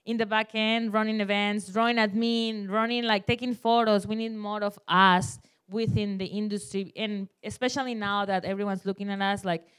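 A woman's voice: medium pitch, fairly even intonation, moderate pace, few pauses, a bit bright, clean tone. A woman, a native Spanish speaker, talking casually as a panel guest and telling anecdotes in non-native, Spanglish-tinged English. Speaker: panel guest, skateboard photographer.

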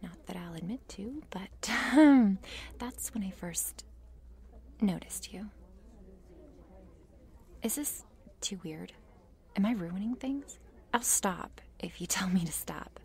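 This is a shy, meek cheerleader with a crush, acted by a woman in an intimate whispered role-play. She speaks slowly and haltingly, slipping between creaky murmurs and breathy whispers. Her manner is nervous, self-deprecating and apologetic. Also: mid-range voice, animated, darkish tone. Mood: meek, smitten.

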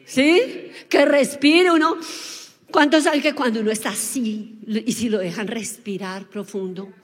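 A woman preaching a sermon, lively and often asking the congregation questions. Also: a little high, a little slow, breathy edge. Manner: lively, asks the audience questions. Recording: long hall reverb.

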